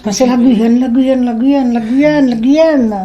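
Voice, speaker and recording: A woman, telling her life story in a lively way and acting out what people said. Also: sits high, unhurried, lo-fi sound. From French Guiana. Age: 70s. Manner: lively storyteller who acts out remembered dialogue. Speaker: interviewee.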